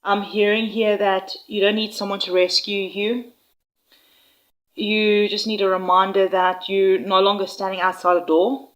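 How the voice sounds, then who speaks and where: A woman giving an intuitive tarot reading to viewers, speaking in an unhurried, reassuring way with frequent "all right?" check-ins. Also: mid-range voice, flat delivery, lo-fi sound. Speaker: tarot reader.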